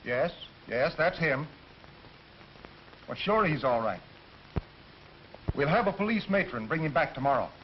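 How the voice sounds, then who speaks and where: Businesslike police sergeant, mid-high voice, dull film sound with faint hiss. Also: male voice, animated, unhurried, pauses often. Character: plain-spoken police sergeant man. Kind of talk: 1940s film acting.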